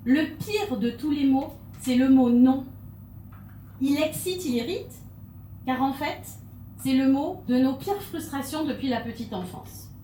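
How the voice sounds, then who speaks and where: A woman's voice: high voice, animated, unhurried, dark tone, slight background noise. A woman giving a humorous stage talk, playful and theatrical, with laughing asides. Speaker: conference speaker. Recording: echoey hall, mic from far off.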